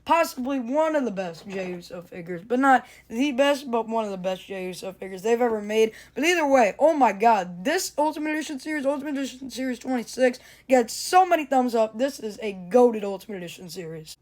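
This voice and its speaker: A teenage reviewer with a cracking voice, gushing excitedly in a casual toy review vlog and often saying "dude" and "oh my god". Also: mid-range voice, brisk, hardly any pauses. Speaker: action figure reviewer.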